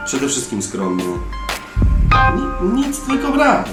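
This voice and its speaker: A man describing himself with deadpan, mock-boastful irony. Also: high voice, slow. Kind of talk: ironic self-description. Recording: echoey distant film clip with music.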